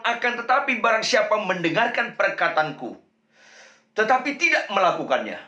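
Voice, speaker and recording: A man's voice: pushed and bright, reverberant. A man with an Indonesian accent preaching a sermon as pastor, emphatic, repeating key phrases for weight. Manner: emphatic preaching with repetition and pitch swings. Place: church sanctuary.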